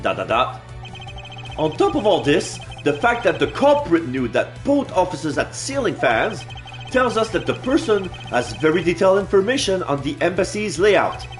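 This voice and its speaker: A man's voice: sits high, big pitch swings, normal speed, faint music behind. A man playing a video game, reading its dialogue aloud and commenting as he goes.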